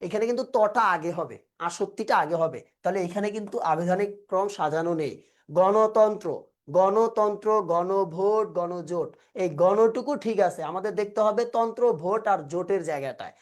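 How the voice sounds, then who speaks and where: A woman's voice: medium pitch, normal speed. A woman teaching an exam-prep lesson, asking questions and answering them herself step by step. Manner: explains step by step, asks and answers own questions.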